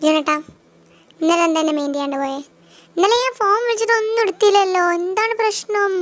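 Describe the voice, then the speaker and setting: A woman's voice: very high-pitched, fast talker. A young woman voicing a chatty, pouty female college student in an amateur fan dub.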